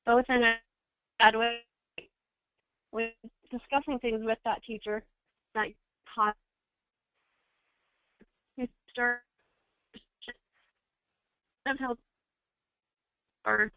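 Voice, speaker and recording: A woman giving a webinar talk as a parent, her phone audio crackling and cutting out, speaking haltingly with many fillers. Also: fairly high pitch, steady tone, clear, resonant tone, dry recording. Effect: phone audio breaking up, crackling. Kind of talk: webinar presentation. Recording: tinny dry phone line.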